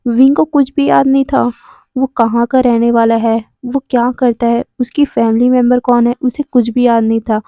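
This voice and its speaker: A woman's voice: a little high, level tone, normal speed, no echo. A woman casually retelling a fan fiction story, chatty, with fillers and self-corrections. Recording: dull lo-fi, dry sound.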